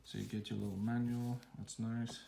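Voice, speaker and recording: Filming one-handed on his phone at home, a tech channel host does a casual unboxing walkthrough in a low, gravelly voice at normal speed. His loose, rambling talk stays flat and even, full of "um"s and restarts, with heavy background noise behind him.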